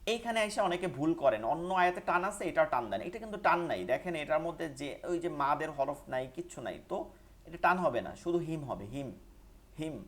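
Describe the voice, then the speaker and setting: A man with a Bangladeshi Bengali accent teaching Quran recitation in an online class. He spells out syllables slowly and repeats them, then explains the rules quickly. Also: fairly high pitch, animated, a bit bright.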